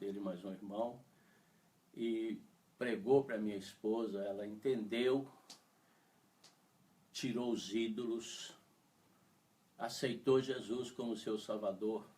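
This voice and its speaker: Pastor preaching from far off. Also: male voice, lowish voice, unhurried, dark tone. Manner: emotional storytelling, voices quoted speech. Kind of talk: sermon testimony. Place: church. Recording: voice from far off the mic.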